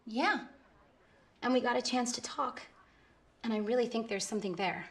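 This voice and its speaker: An actress playing a pampered, romantic young woman who talks in a soft, earnest, confiding way. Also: fairly high pitch, normal speed, lightly acted. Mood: eager. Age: young adult. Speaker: actor in a film scene. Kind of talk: naturalistic film acting.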